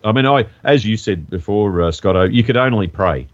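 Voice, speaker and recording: A man co-hosting a podcast, talking in a measured, hesitant way with many pauses. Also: lowish voice, animated, highs cut off. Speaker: podcast co-host. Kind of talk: casual chat.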